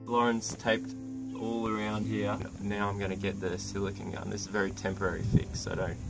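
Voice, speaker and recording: A young man talks in a relaxed, rambling way on a sailboat. Loud music plays under his voice. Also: fairly low pitch, brisk, creaky, poor audio. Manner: easygoing, rambling with fillers. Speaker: sailing vlogger. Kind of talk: casual vlog chat. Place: sailboat outdoors on the water.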